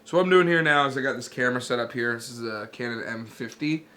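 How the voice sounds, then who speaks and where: A man with a nasal, mid-range voice talks fast and casually, walking through how he records and edits his own song step by step. He stays relaxed and sprinkles in fillers as he explains.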